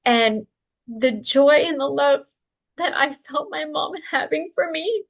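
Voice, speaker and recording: A woman's voice: high voice, expressive, takes it slowly, gravelly, muffled recording. A woman who is a guest in an interview, telling a personal story in an earnest, open way, with light laughs and fillers. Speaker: interview guest, spiritual practitioner.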